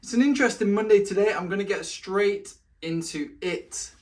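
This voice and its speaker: A man's voice: normal speed, darkish tone. A man talking casually to camera in a weekly update vlog, a little out of breath, chatting with a lot of self-talk. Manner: chatty, talks to his cat in a high sing-song voice between points. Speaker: vlogger giving weekly update.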